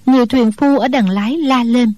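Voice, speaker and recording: A woman narrating a martial-arts novel in a steady storytelling voice. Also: a little high, brisk, dry recording.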